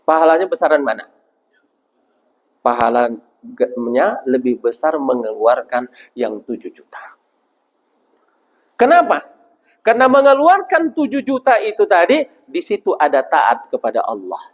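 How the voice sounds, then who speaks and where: A man's voice: fairly high pitch, wildly swooping pitch, measured pace, pauses often. A male ustaz giving a religious lecture to a congregation, putting questions to the listeners and answering them himself. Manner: addresses listeners as Pak. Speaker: ustaz preacher. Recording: long hall reverb.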